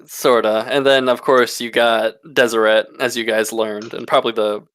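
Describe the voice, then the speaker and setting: A man as game master, chatting casually out of character with his players, relaxed and swearing freely. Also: mid-range voice, normal speed.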